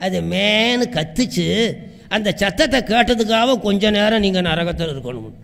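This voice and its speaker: A stern messenger of death explains in a matter-of-fact way, as a preacher voices him. The voice is high and gravelly, in a hall with long reverb. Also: male voice, expressive, moderate pace, fairly bright tone, heavily acted.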